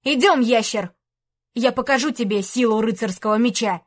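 Casting: boastful young knight, read by a woman, loud, defiant, high and strained. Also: moderate pace, close to an everyday voice. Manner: shouting, defiant. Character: proud young male knight, brash and boastful.

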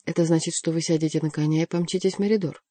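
A loyal, practical young doctor, calm and matter-of-fact, as a woman reader puts him on. Low, mellow and dry in a close reading. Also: very fast, no echo. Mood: steady.

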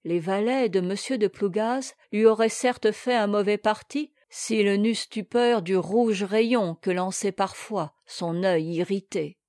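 A woman reading a classic tale aloud in a measured, expressive way. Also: mid-range voice, no room sound, studio quality. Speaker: audiobook narrator. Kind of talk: storybook reading.

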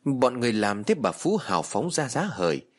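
A man narrating a horror story in a dramatic, expressive reading. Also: mid-range voice, brisk. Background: soft music.

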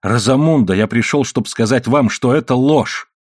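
A man voicing a proud, hot-tempered young nobleman who gives forceful, commanding orders. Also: mid-range voice, normal speed, dry recording, clean studio sound, natural voice. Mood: pleading.

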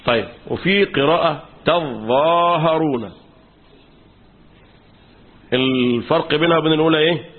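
A husky-voiced Egyptian sheikh, whose voice is a little high, teaches Quran commentary in a classroom lecture with an Egyptian Arabic accent. He speaks rapid-fire with hardly any pauses, quizzing the class with fill-in questions. The recording sounds tinny and phone-like.

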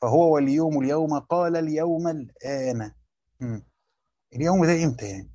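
Teacher explaining a text. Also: male voice, fairly high pitch, fairly quick, warm tone, no room sound. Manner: repeats key phrases, asks and answers own questions. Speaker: Quran commentary teacher. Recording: dry, dull lo-fi recording.

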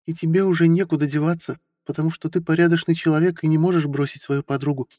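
A man putting on a bitter, high-voiced forty-year-old wife. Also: fairly even intonation, quick pace, dark tone, no room sound, clean studio sound, big-room sound, natural voice. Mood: reproachful. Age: 40s. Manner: bitter, sarcastic. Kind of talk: audiobook character voice.

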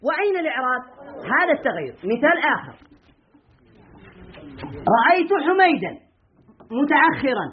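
Male teacher, high voice, rapid questions to students, dull lo-fi recording. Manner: scolds students bluntly. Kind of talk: classroom lesson with a live class.

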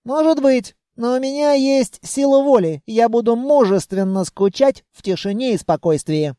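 A man's voice: extremely high pitch, moderate pace, dark tone, no echo, clean studio sound, voice pushed up. Man doing a grumpy weary porter. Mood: grumbling. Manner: grumbling, sulky. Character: grumpy weary round porter, wants to retire.

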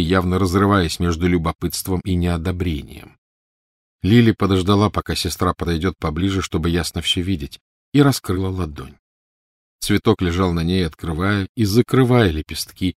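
A male audiobook narrator with a deep voice delivers scripted narration in a dry, studio-quality recording.

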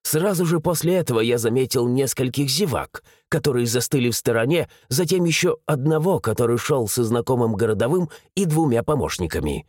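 A man narrating a first-person adventure audiobook in an animated, dramatic reading. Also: medium pitch, brisk, few pauses, no room sound, studio quality.

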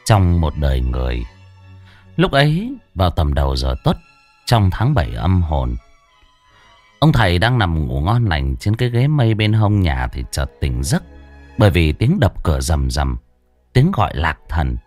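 Deep-voiced man telling a ghost story. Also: a little slow, soft background music. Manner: expressive, dramatic storytelling. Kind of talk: scripted narration of a ghost story.

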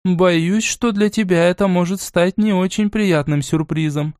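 A man voicing a stern, aristocratic old grandmother in an audiobook, speaking in a measured, cool and commanding way. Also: sits high, a little mellow, dry recording, studio quality, voice pushed up. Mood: calm.

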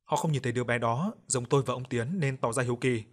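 A man narrating an audio story in a steady, measured reading style. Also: medium pitch.

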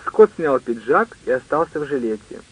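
A man narrating an audiobook in a measured, even reading. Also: medium pitch, husky, no room sound, low-quality recording.

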